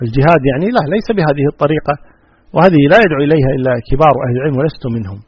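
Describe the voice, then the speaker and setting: A man's voice: fairly high pitch, very fast, slightly rough, no room sound, muffled recording. A man, an Islamic scholar who reads out listeners' questions and answers them firmly and plainly. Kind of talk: religious question-and-answer session.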